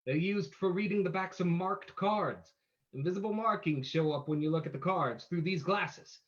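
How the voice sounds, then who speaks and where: A man's voice: high-pitched, moderate pace, close to an everyday voice. A suave detective vigilante played by a man in an old-time radio mystery. He speaks theatrically and with menace, laying things out dramatically. The audio is dull and lo-fi. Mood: confident, explaining.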